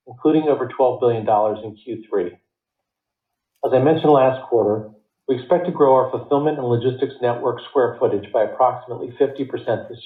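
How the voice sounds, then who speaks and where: Over a conference call line, a company finance executive reads his scripted earnings report with formal, measured delivery. His pitch sits in the medium range. The audio has a thin, tinny phone quality and an echo that suggests a large room.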